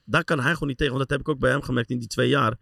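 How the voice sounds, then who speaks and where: Middle-aged guy, gravelly voice, telling football stories, gets animated and goes high when he acts stuff out. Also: racing, no echo, clean studio sound. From Netherlands. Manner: animated storyteller, voice rises high when acting out scenes, laughs often. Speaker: former footballer and assistent coach telling stories. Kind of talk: casual anecdote telling.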